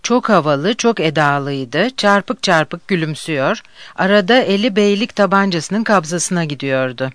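An audiobook narrator reading a novel aloud in a measured, even way. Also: mid-range voice, no echo, clean studio sound.

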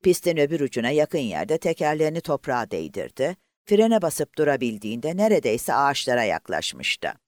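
A man's voice: medium pitch, big pitch swings, normal speed, hardly any pauses, dry recording, clean studio sound. A man narrating an audiobook expressively and voicing the characters himself.

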